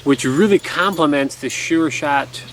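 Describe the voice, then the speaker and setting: A slightly high-voiced man in his thirties takes his time teaching duck calls, casual and explanatory, out in a garden by the woods. The recording is rough, picked up by a camera a few feet away. Background noise from outdoors comes through.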